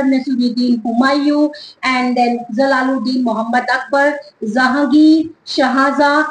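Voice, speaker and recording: A woman with an Indian English accent teaching an online history lesson, slowly dictating and repeating dates and names for students to note down. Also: sits high, roomy sound, slight background noise, rough recording.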